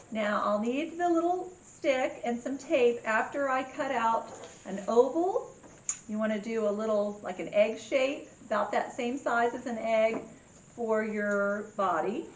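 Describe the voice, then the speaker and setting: A woman with a voice on the high side speaks at a measured pace, hosting a step-by-step craft tutorial for children. Her instructions are simple and her manner cheery, like a kids' TV host. The indoor room echoes and carries faint background noise.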